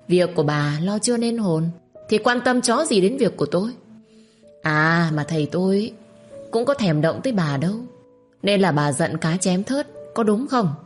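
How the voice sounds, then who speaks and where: A woman's voice: lowish voice, close to an everyday voice. A woman voicing a rude, hot-tempered young woman who curses and talks back. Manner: insolent, cursing.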